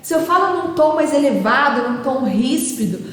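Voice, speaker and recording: A woman's voice: high-pitched, expressive, moderate pace. A woman with a Brazilian Portuguese accent teaching caregivers in a didactic way, often checking in with her listeners through rhetorical questions. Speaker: caregiving educator. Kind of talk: lecture to caregivers. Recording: echoey hall with long reverb.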